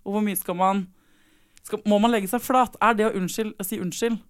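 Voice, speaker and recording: A woman hosts the talk and tells a frank, lively story about her own parenting. She laughs often and acts out the dialogue as she goes. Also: medium pitch, clean tone. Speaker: podcast host and parent. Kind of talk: casual chat, personal anecdotes.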